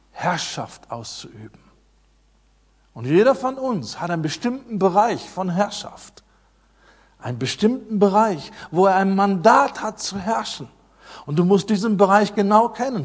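A man with a notably high voice preaches a sermon, hammering home key phrases by repeating them. He surges loud on his main points, then drops into quiet, low asides. He sounds middle-aged. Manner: emphatic, repeats key phrases, swings between loud and soft.

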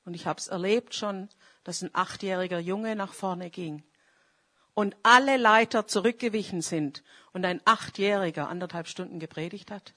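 This female preacher speaks at a normal speed with a fairly low pitch, delivering a charismatic sermon full of fervor. Her delivery shifts from loud calls to quiet confession, and she prays aloud in the middle of it.

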